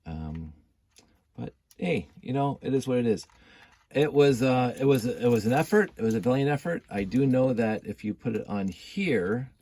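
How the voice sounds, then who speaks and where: With a warm, expressive mid-range voice at a moderate pace, a congested building vlogger talks himself through his project. He hums, mutters and rambles, often poking fun at himself.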